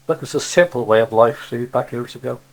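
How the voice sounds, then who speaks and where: This older man from Cornwall, England speaks in a mid-range voice at a fast clip, with a Cornish accent. As an interviewee and local dialect speaker, he reminisces casually, rambling through stories full of "see" and "you know."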